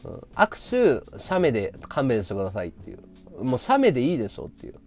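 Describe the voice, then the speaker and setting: A man live-streaming a casual chat, blunt and ranting, swinging from loud outbursts to low mutters. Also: wildly swooping pitch, fast talker, soft background music.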